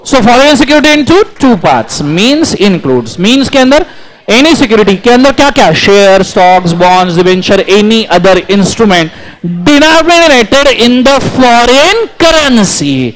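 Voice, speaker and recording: A man lecturing a classroom on law in energetic Hindi with terms, often calling on students to answer aloud. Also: extremely high pitch, slow pace, a little hiss or hum.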